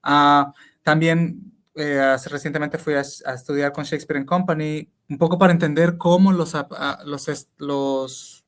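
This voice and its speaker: A man with a Honduran Spanish accent speaks as an interview guest, with a somewhat higher voice than most men. He explains things step by step in a reflective, conversational way and restarts his sentences often, like a teacher thinking aloud. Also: fairly even intonation, moderate pace.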